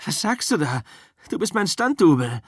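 A man's voice: a little high, sing-song, normal speed, no room sound, studio quality, voice pushed up. A man reading an audiobook, voicing a bitter, hot-tempered male actor who rants and curses about his failing career. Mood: ranting. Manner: angry, cursing, ranting. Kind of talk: audiobook character voice.

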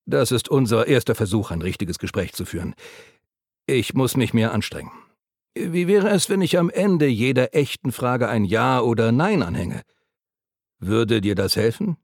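Ein Mann spricht einen sanften, gesprächigen Pfleger. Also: male voice, medium pitch, lively intonation, normal speed, dry recording, studio quality. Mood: soothing. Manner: soothing, patient, overly talkative. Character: gentle, chatty man caring for a patient.

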